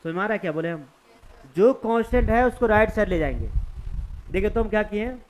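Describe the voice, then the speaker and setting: In a low-quality recording, a man with a high, animated voice talks fast while teaching a physics class, his accent from Hindi-speaking eastern India. His classroom lecture is conversational and step by step, and he keeps asking the students whether they follow.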